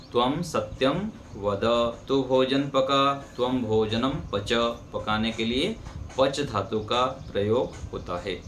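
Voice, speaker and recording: Slow, patient male Sanskrit teacher. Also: mid-range voice, fairly bright tone. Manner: patient, repeats sentences word by word. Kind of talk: slow classroom grammar lesson. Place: ashram classroom with birds outside. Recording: faint background noise.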